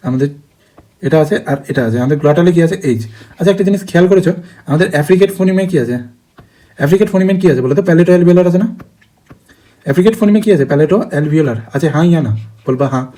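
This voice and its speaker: Give me a man teaching phonetics, slightly high voice, repeating the lists again and again. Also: dark tone, poor audio. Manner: rapid, repetitive drilling with frequent check-in questions. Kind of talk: online phonetics lesson.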